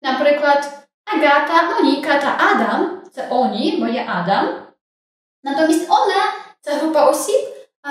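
Lively high-voiced woman teaching, echoey room. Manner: slow drawn-out example words. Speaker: Polish language teacher. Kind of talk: online language lesson. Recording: roomy echo, distant mic.

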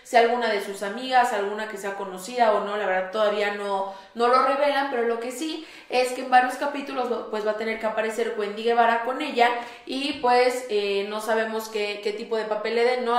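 A woman's voice: on the high side, steady tone, brisk. A young Mexican woman co-hosting a gossip show, chatting casually with lots of fillers in a small studio. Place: small studio on a pink sofa. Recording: roomy echo.

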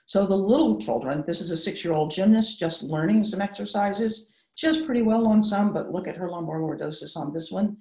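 A middle-aged woman, a sports medicine doctor, giving a measured, explanatory webinar lecture over a video call. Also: lowish voice, dark tone. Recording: roomy echo.

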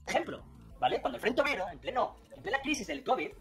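A man's voice: extremely high pitch, huge pitch swings, quick pace, vocal fry, fairly bright tone, husky. A man, mocking a rival in a video commentary with sarcasm and laughter, faint music behind. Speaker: political commentator.

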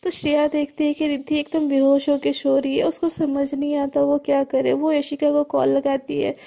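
A woman's voice: high-pitched, little pitch movement, moderate pace, vocal fry, dark tone. A woman telling a serialized love story in a conversational, intimate way.

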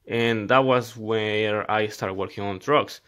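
A man's voice: fairly low pitch, fairly even intonation, slow, a bit bright. Man, thirties, salvadoran spanish accent, earnest, plain phrasing, restarts often, casual talk to camera. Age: 30s. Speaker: mechanic YouTuber. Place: indoors at a laptop.

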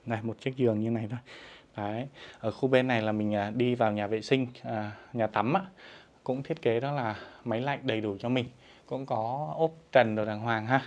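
A man's voice: medium pitch, steady tone, normal speed. Polite man giving a walking property tour. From Vietnam. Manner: polite and deferential, frequent fillers, addresses viewers respectfully. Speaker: real estate agent giving a property tour. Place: outdoors at a riverside farm resort.

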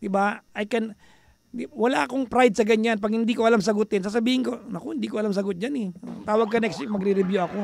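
A man with a Filipino accent hosting a radio call-in show, chatty and teasing, mixing Tagalog and English, now and then bursting into loud exasperated rants. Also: high-pitched, fast, vocal fry. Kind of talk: casual radio talk with listeners.

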